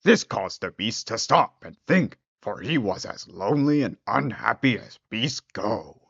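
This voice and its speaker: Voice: mid-range voice, lively intonation, unhurried, vocal fry, slightly rough, dry recording. A storyteller giving a theatrical, wry comic narration of a fairy tale on a dull lo-fi recording.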